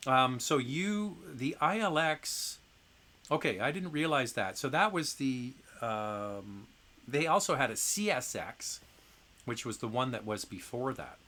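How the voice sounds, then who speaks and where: A middle-aged man talks casually on a live car Q&A stream. His voice is bright and forceful. He rambles with plenty of fillers and restarts. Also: medium pitch, big pitch swings, slow. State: occasional coughing from acid reflux.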